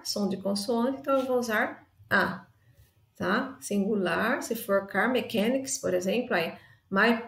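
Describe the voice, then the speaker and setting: A woman's voice: medium pitch, gravelly, echoey room. A woman teacher explaining grammar step by step, checking in with "tá?" as she goes. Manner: explains step by step, often adds "tá?". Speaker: English teacher. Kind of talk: recorded remote lesson.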